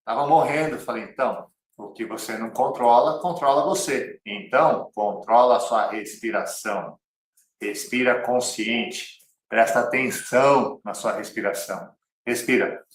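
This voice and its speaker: A man's voice: medium pitch, unhurried. A man with a Brazilian Portuguese accent teaching an online cycling lesson, direct and repeating key phrases like a coach. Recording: roomy, slightly distant mic.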